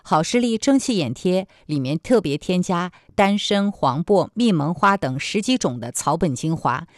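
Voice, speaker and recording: A woman presenter delivering a promotional infomercial pitch, urging listeners to order. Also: a little mellow, no room sound, clean studio sound. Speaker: radio presenter.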